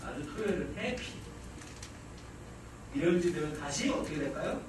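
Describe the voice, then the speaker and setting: Lively high-voiced male lecturer in a hall. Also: moderate pace. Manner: animated, acts out family dialogue, jokes with the audience. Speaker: parenting lecturer. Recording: echoey hall, distant mic, noisy.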